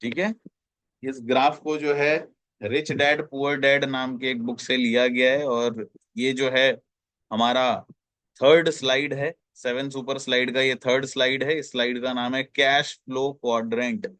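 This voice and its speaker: A man's voice: medium pitch, flat delivery, unhurried, fairly bright tone, no echo. A man training direct sellers, explaining slides in a repetitive, emphatic way and addressing listeners as companions.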